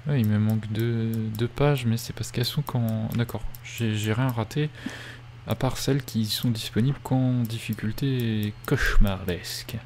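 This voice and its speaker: A man's voice: lowish voice, steady tone, measured pace, a little mellow, a little hiss or hum. A man doing casual let's play commentary, musing and thinking aloud as he goes.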